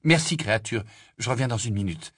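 A man's voice: mid-range voice, lively intonation, a little fast, fairly bright tone, slightly rough, no room sound, studio quality. A man voicing a weary, defensive teenage boy. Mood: guarded.

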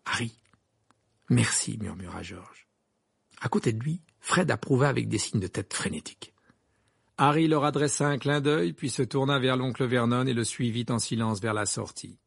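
A man narrating an audiobook in an expressive, measured way. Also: medium pitch, creaky, no room sound, studio quality.

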